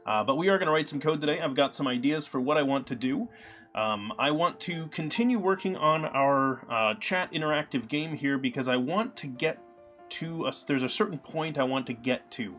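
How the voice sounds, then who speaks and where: A man with a fairly high voice live-streams his coding at a moderate pace, his throat a little scratchy from a cold. He's relaxed and chatty, dropping plenty of ums and uhs, with soft music playing in the background.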